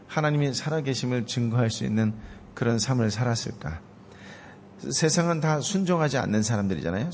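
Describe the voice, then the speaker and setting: A man's voice: mid-range voice, a little mellow, slight background noise. A male pastor giving a Bible devotional talk, asking listeners rhetorical questions and checking in with short prompts.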